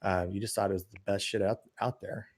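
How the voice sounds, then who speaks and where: A man's voice: lowish voice, level tone, a little fast, no echo, clean studio sound. A man in his forties, a guest on a live stream, talking in a rambling way full of "you know" and "uh". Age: 40s. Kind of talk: casual chat on a live stream.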